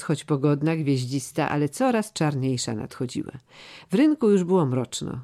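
A man narrating a classic novel in a measured, even storytelling manner. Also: a little high. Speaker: audiobook narrator.

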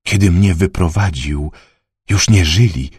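Brief: grim young peasant girl, read by a male narrator, matter-of-fact, husky low tone. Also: unhurried, darkish tone, dry recording, studio quality, heavily acted.

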